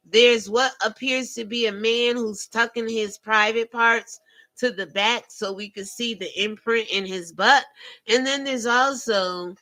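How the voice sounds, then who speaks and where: A woman's voice: fairly high pitch, pushed and bright. A woman hosting a live call-in show, giving informal, emphatic commentary and speaking directly to her listeners.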